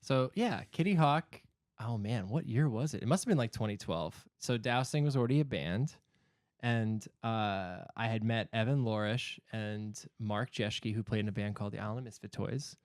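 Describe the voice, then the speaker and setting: A man co-hosting a casual podcast, playful and quick to laugh. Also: fairly low pitch, a little mellow, clean studio sound. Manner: playful, laughing, echoes his partner. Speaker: podcast co-host. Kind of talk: casual chat.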